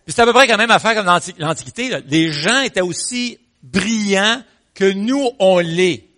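A man with a Québécois French accent preaching a sermon, telling a story in an animated way with many pauses and asides. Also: sits high.

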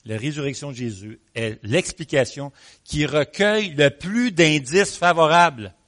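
Québécois guy preaching a sermon, kinda high voice, tells stories with lots of little asides. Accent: Québécois French. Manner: storytelling, animated, with many pauses and asides.

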